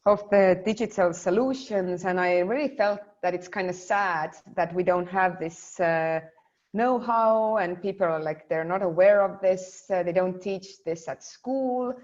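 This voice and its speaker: A woman's voice: fairly low pitch, measured pace, darkish tone, muffled recording. A young woman from Estonia talking casually in an interview, full of fillers and restarts. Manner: chatty, many fillers and restarts.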